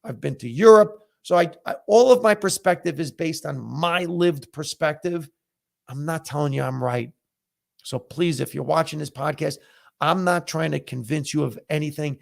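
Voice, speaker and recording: Fairly high-pitched and gravelly, this man speaks at a moderate pace. He's a middle-aged American comedian and podcast host whose first language is Italian, chatting casually on a live stream and offering candid opinions with plenty of fillers.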